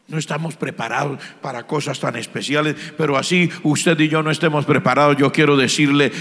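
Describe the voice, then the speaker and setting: A Colombian man preaching a Pentecostal sermon as pastor, storytelling and swinging between hushed and loud delivery. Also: fairly high pitch, vocal fry, in a large hall. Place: church.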